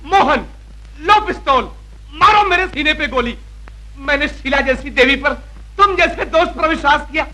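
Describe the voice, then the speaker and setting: An actor playing a guilt-ridden husband who turns rebel, in theatrical 1940s film acting. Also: male voice, very high voice, lively intonation, moderate pace, pauses often, bright, forceful tone, exaggerated voice. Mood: anguished. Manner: emotional, theatrical. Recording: noisy old film soundtrack.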